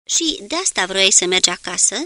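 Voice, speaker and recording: A woman reading a calm, middle-aged male naval commander who speaks in a measured, gently authoritative way. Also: sits high, dry recording, exaggerated voice. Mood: calm, firm.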